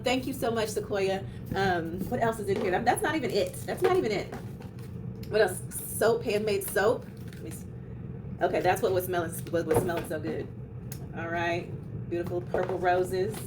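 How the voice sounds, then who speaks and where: A woman, talking effusively and casually to viewers as a notary vlogger. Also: medium pitch. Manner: chatty and effusive, talks straight to viewers. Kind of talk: casual vlog talk to camera. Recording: noisy background.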